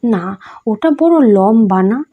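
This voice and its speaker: A woman voicing an elderly male saint who talks gently and playfully, in a storybook reading. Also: a little high, lively intonation, slow pace, phone-quality sound, full character voice. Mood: gentle.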